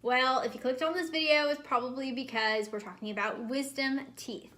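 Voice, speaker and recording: High-voiced young American woman, chatty vlogger. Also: steady tone, normal speed, fairly bright tone. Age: young adult. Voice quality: slightly impeded speech from a swollen mouth after dental surgery. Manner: chatty, with frequent "like" and emphatic repetition. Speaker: host of a pregnancy-prep vlog. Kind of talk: casual advice vlog to camera.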